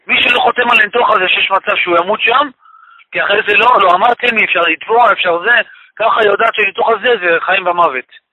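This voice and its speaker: Male storyteller, high-pitched and raspy, earnest religious testimony with emphatic repetition. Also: no echo, highs cut off. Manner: repeats phrases for emphasis; religious expressions woven into speech. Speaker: guest telling a personal story. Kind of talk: emotional personal testimony.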